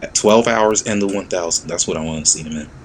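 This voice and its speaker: A young man co-hosting a casual chat, excitable and quick to laugh, swearing freely and slipping into mock voices. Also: deep voice, a crowd in the background. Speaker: podcast co-host.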